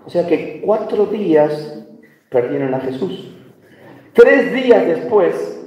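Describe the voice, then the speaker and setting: A man's voice: high voice, mellow. A man with an Argentine accent preaching a sermon, telling stories with light humor and asking the congregation questions. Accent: Argentine Spanish. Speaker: visiting pastor. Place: church hall. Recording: echoey hall from far off.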